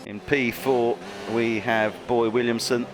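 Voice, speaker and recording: Unhurried, chatty male race commentator. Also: medium pitch, little pitch movement, noisy background. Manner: chatty, self-deprecating, laughs often. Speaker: lead commentator. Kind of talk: casual amateur race commentary.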